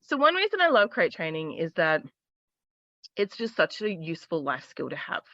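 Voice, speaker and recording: A woman's voice: fairly low pitch, big pitch swings, normal speed, sharp tone, no echo, highs cut off. A woman dog trainer explaining things in a casual chat, confident and often checking in with "right?".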